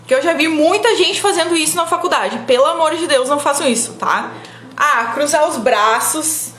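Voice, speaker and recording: High-voiced chatty woman, echoey room. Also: fairly bright tone. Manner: chatty, frequent "tá?" tag questions, laughs often. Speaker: host of a career and public speaking live stream. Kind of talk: casual live stream advice.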